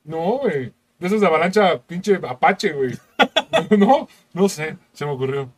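A man's voice: fairly high pitch, very animated, unhurried. A man with a Mexican accent co-hosting a comedy podcast, bantering crudely with lots of slang and laughter. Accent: Mexican Spanish. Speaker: podcast co-host. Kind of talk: casual comedy chat.

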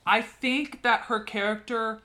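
Slightly high and fairly even in intonation, her sharp-toned voice moves at a measured pace. She's a podcast co-host in casual chat, rambling with lots of fillers and restarting often.

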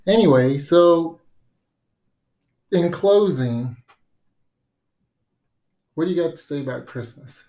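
A man's voice: fairly high pitch, animated, slow, long pauses, dark tone. A man co-hosting a podcast in casual chat, rambling and joking, often trailing off mid-sentence. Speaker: podcast co-host.

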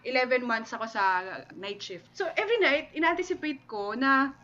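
A young woman from the Philippines, a TV news reporter, telling lively stories in casual interview chat, mixing English into her Filipino. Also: high-pitched, moderate pace. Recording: lo-fi, dull sound.

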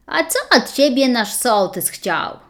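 A woman doing a bashful village bachelor, lower voice, slow. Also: lively intonation.

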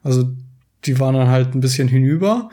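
A man's voice: mid-range voice, expressive, brisk, mellow. Man on a clipping, distorted mic. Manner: laid-back, self-mocking, laughs often. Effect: clipping, distorted overdriven mic. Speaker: podcast co-host. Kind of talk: casual podcast chat. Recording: home podcast mic, overdriven.

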